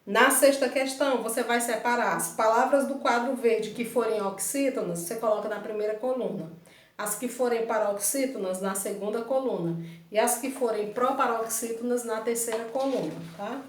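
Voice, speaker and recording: A woman's voice: on the high side, normal speed. A Brazilian woman teaching primary school Portuguese online, giving patient step-by-step instructions with a Brazilian Portuguese accent. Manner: patient, repeats steps with "tá certo?". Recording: echoey room, mic far off.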